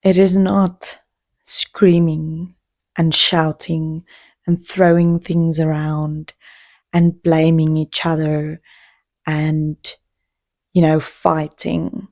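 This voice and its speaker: Slow, gravelly-voiced woman podcaster, heartfelt. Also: low-pitched, flat delivery, darkish tone, no room sound, clean studio sound. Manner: heartfelt, slow and reflective, with pauses and restarts. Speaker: podcast host. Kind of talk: casual solo podcast talk.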